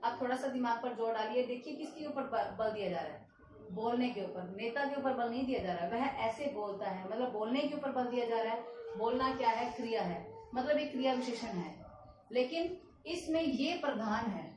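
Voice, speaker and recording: A woman's voice: on the high side, animated, normal speed, a little mellow, a little hiss or hum. Hindi grammar teacher, woman, echoey room. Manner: explains step by step, repeats examples, asks and answers own questions. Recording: echoey room, distant mic.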